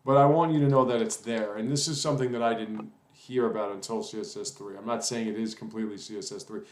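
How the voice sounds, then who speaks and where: A man's voice: on the low side, steady tone, fast, a little mellow. A man giving a casual coding tutorial, rambling and thinking aloud with plenty of fillers. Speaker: web development tutor. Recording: roomy echo.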